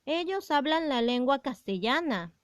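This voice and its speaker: A woman from Peru, teaching a school lesson in a slow, explanatory way that stresses key words. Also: high voice, animated, no room sound. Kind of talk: classroom lesson.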